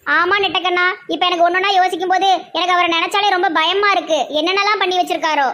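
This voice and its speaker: A very high, bright female voice with a Tirunelveli Tamil accent. She acts in a village comedy skit, dramatic and quick to scold. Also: steady tone. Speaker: comedy sketch actor.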